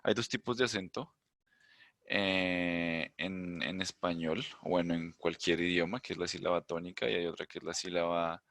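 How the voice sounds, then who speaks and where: A man's voice: low voice, steady tone, moderate pace, fairly bright tone, dry recording, studio quality. A man teaching an online class, explaining step by step and often checking with his students that they follow. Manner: explanatory, checks in with "¿listo?" and "¿vale?"; thinks aloud, hums while searching the screen. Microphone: computer mic on a video call.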